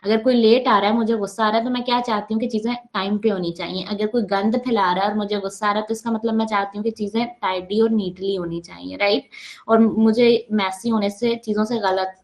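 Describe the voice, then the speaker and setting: A woman's voice: mid-range voice, steady tone, brisk, darkish tone. A woman with a Pakistani Urdu accent teaching an online workshop, explaining step by step, mixing English terms into her Hindi-Urdu and often checking in with her listeners. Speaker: psychology workshop trainer.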